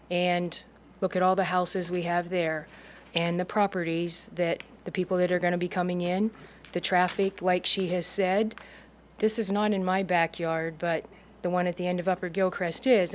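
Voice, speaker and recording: A woman's voice: on the low side, slight background noise. A woman giving informal public comment as a resident at a hearing.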